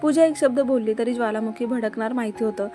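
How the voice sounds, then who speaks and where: A woman storyteller narrates an episode of a serial story in a brisk, plain way. Her voice sits slightly high, and a steady music bed runs beneath the whole reading. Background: background music.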